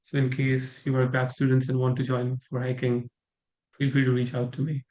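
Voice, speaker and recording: A man's voice: medium pitch, completely flat delivery, normal speed, darkish tone. A young man in his twenties from India, introducing himself briefly on a video call. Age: 20s. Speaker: student panelist. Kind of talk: casual introduction. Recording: dull video call audio.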